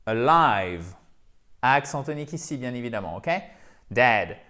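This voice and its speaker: Male teacher, French native, middle pitch, lively and coaxing, repeats each word slowly. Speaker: English teacher. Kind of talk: pronunciation lesson.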